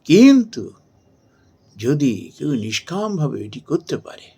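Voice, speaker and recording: A man giving a slow, measured devotional talk and chanting verses. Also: on the high side, big pitch swings, mellow, breathy edge. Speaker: spiritual speaker.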